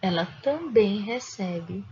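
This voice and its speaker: Slow, careful woman teaching grammar. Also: mid-range voice, animated, dark tone. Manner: slow, careful explanation with spelled-out examples. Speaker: Spanish teacher. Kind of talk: recorded grammar lesson. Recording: dull lo-fi recording with faint noise.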